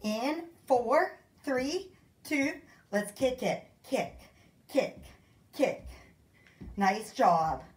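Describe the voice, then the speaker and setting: Woman fitness instructor, unhurried cueing, winded, encouraging, roomy echo. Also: fairly high pitch, big pitch swings. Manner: upbeat, counts out moves, calls encouragement. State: out of breath. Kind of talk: workout class instruction. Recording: echoey room.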